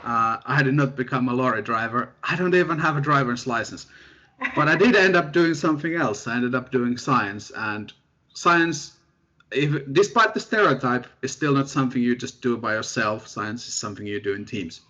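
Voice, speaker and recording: A young man talks through his path into research in a loose, self-deprecating way. His pitch sits mid-range for a man. The audio is muffled and lo-fi. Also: moderate pace. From Finland. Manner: relaxed, self-deprecating storytelling. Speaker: guest scientist, postdoctoral researcher. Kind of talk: casual interview chat. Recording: dull lo-fi audio.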